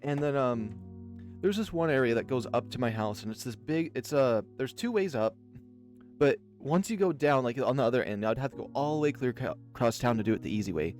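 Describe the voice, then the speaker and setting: Brisk and lively in intonation, a slightly mellow mid-range male voice carries this visual novel let's play, with faint music behind. The Oregon host wanders through casual anecdotes, leaning heavily on fillers.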